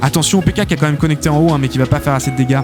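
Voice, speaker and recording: A man casting a live esports tournament as host, excitable and chatty, full of filler interjections. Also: a little high, racing. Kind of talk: live game commentary. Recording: game music behind the voice. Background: game music.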